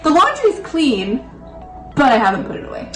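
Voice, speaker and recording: A young woman chatting casually over food, telling stories in an animated, giggly way. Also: high voice, normal speed, recorded from a distance. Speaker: co-host of a mukbang Q and A. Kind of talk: casual chat while eating. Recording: roomy echo with music behind.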